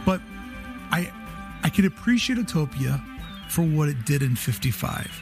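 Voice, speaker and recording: A man's voice: on the high side, sing-song, normal speed, music in the background. A man hosting with casual, opinionated commentary in an emphatic, wry, jokey way. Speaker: host.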